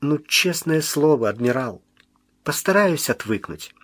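A man's voice: fairly high pitch, expressive, moderate pace, a bit bright, dry recording, clean studio sound, voice pushed up. A man voicing a playful young wife who pouts, coaxes and acts offended, in an audiobook reading. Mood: coaxing. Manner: pouting, coaxing, mock-offended. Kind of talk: audiobook character voice.

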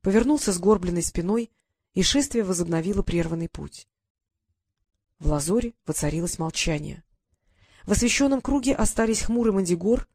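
An audiobook reader narrating a fantasy novel in an even, clear storytelling manner. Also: medium pitch, no room sound, clean studio sound.

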